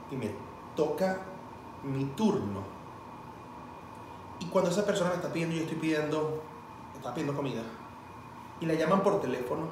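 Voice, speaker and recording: A man with a Venezuelan Spanish accent tells stories in casual chat and acts out the voices in them. His voice sits a bit high and sounds far from the mic. The room is very echoey. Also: noisy background. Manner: animated storyteller acting out quoted dialogue.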